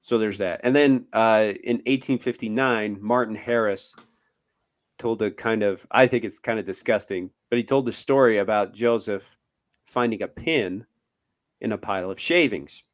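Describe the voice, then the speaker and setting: A man's voice: lowish voice, moderate pace. A man co-hosting a podcast in casual chat, hesitant, with many ums and uhs. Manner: hesitant, lots of fillers. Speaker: podcast co-host.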